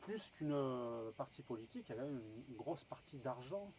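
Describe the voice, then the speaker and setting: A man's voice: mid-range voice, animated, fairly quick, crowd noise, low-quality recording. A French man asking questions in an interview, hesitant, with many fillers and false starts.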